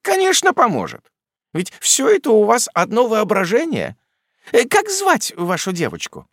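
A man voicing a stern, imperious elderly aunt in an audiobook, speaking in a high, clipped, scolding and impatient way. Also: wildly swooping pitch, normal speed, fairly bright tone, no room sound, clean studio sound, exaggerated voice. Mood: commanding. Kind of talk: audiobook character reading.

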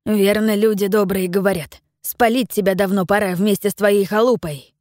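A woman reading the part of an aging peasant miller in an audiobook, pleading and blustering by turns, a little higher than her narration. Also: steady tone, normal speed, a little mellow, dry recording, clean studio sound, lightly acted. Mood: indignant. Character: grieving aging peasant miller, proud, greedy.

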